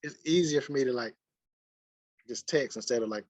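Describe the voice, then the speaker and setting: A man's voice: mid-range voice, normal speed. A man with a Mississippi accent and a country drawl, chatting casually as a guest. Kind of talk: casual chat. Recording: muffled, dry lo-fi sound.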